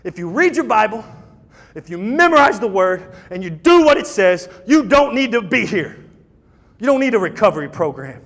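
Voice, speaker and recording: A man giving an impassioned personal testimony at a church, repeating phrases and building to shouts. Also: high voice, sing-song, normal speed. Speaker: guest speaker at church recovery ministry. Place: church sanctuary. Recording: long church hall reverb.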